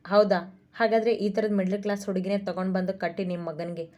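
A woman voicing an arrogant, spoiled young woman who speaks with sharp contempt. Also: mid-range voice, flat delivery, a little fast, close to an everyday voice. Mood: scornful.

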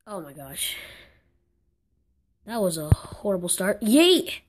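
Speaking slowly in a lowish, somewhat mellow voice, the same gaming channel host comments casually on a mobile game. Frustrated exclamations and rambling restarts fill her talk, and there is slight background noise.

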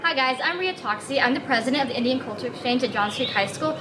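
A woman's voice: high-pitched, expressive, fast talker, over loud music. A teenage girl, club president, speaking cheerfully to camera outdoors. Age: teens. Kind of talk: interview to camera. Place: school courtyard, outdoors. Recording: outdoor ambient noise.

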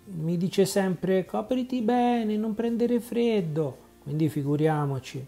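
A man voicing an eager young boy in a storybook reading, full of excited questions. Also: high-pitched, slow pace, vocal fry, soft background music, voice pushed up, full character voice. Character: young boy traveling with his donkey.

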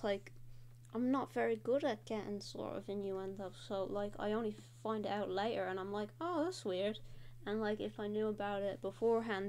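A woman's voice: medium pitch, a little mellow, a little hiss or hum. A young woman hosting a casual draw-and-talk video, chatting in a rambling way with frequent fillers. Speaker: host.

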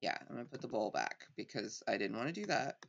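Middle-aged lady streaming a game, gravelly fry, really lively up and down, chatting to herself. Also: extremely low pitch, fast talker, highs cut off. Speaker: let's play streamer. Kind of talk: casual game commentary, thinking aloud.

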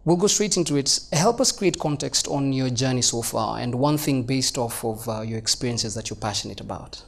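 A man's voice: mid-range voice, moderate pace, creaky. A young man moderating a live panel discussion on an indoor conference stage, chatty and joking, with many fillers. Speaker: moderator and presenter.

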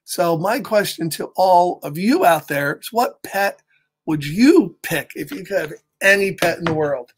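His voice is high-pitched and husky, his pace a little slow: a middle-aged American man reading a picture book for a children's story time. He adds chatty asides with animated, exaggerated flair from a small home office.

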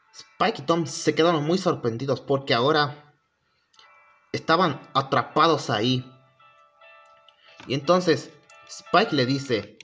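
A man retells a creepypasta in a casual, halting way, often restarting and chaining events with "and then". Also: medium pitch, fairly bright tone. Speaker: storyteller. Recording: faint music behind.

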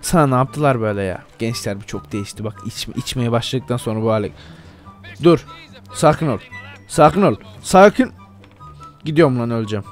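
A man's voice: medium pitch, fast, soft background music. A man giving casual, playful commentary over his own gameplay, joking and talking straight to his viewers. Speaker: gameplay video host.

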